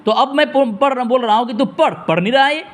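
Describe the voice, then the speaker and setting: A man hosting a heated phone debate, scolding and insistent, repeating his demands and turning aside to address listeners. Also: very high-pitched. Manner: turns aside to address the audience. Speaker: debate host on a phone call.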